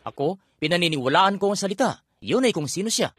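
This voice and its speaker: A man delivers a sermon in a high voice that leaps up and down. He tells stories and keeps turning to his listeners with quick asides, while a crowd is heard behind him. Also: expressive. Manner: storytelling with repeated asides to the listeners. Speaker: preacher. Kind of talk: dubbed sermon.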